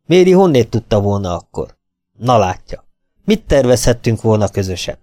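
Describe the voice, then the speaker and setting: A man's voice: fairly low pitch, big pitch swings, mellow, no echo. A man voicing a cautious, defensive young man who protests his innocence.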